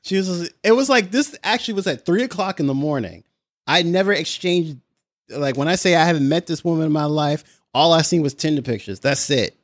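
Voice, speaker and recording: A man's voice: fairly high pitch, animated, fairly quick, dry recording, studio quality. A man co-hosting a podcast, casually telling a story with frequent laughs and the odd swear word. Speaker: podcast co-host. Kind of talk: casual chat.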